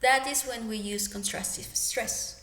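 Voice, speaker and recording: Slow, careful young woman teaching pronunciation. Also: a little high, fairly even intonation, fairly bright tone. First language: Spanish. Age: young adult. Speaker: student presenter. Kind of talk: pronunciation lesson. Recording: echoey room.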